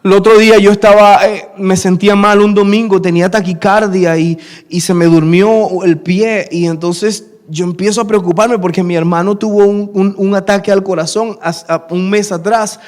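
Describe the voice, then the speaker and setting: A man's voice: high voice, steady tone, normal speed. A man, preaching a sermon and telling a personal story, acting out the dialogue. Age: 30s. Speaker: pastor.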